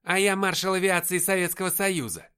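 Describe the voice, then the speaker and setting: A man voicing a brash, panicky army sergeant who barks his lines loudly, in an audiobook. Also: fairly high pitch, lively intonation, unhurried, voice pushed up. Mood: snarling. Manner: barking, loud and coarse.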